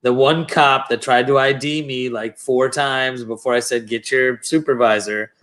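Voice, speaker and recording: A man's voice: mid-range voice, little pitch movement, normal speed, fairly bright tone. A man co-hosting a casual livestream chat, blunt and swearing as he retells run-ins. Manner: blunt, swears, retells stories with quoted voices. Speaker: livestream co-host.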